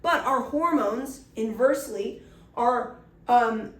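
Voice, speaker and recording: An energetic woman teacher giving an upbeat, chatty classroom lecture. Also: a little high, takes it slowly, distant mic. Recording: echoey room.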